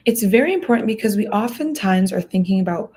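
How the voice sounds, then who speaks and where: A young woman in her twenties hosting a podcast, talking through advice in an earnest, reflective way, pausing and restarting as she thinks. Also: mid-range voice, lively intonation, dark tone, breathy edge. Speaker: podcast host. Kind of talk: casual advice talk.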